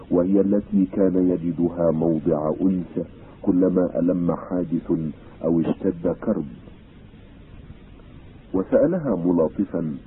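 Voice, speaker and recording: Deep-voiced man narrating over tinny radio. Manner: formal, measured, literary reading. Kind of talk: scripted narration. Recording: tinny old radio broadcast, faint hiss.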